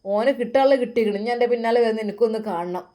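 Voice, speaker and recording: A woman doing a gruff scolding father. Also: on the high side, rapid-fire, warm tone, close to an everyday voice. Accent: Malappuram Malayalam. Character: stern angry father.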